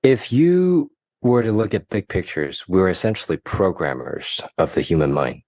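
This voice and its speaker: A man from Hong Kong, a guest coach, answering interview questions in a measured, explanatory way with occasional restarts. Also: deep voice, expressive, a little mellow, no room sound. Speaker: guest, mind-performance coach.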